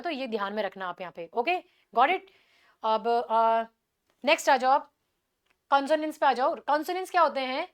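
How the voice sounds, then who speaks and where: A woman with an Indian accent and a high voice gives an exam-prep lecture on literary devices. She explains in a Hindi and English mix and slows down to read each English example aloud. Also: clear, resonant tone.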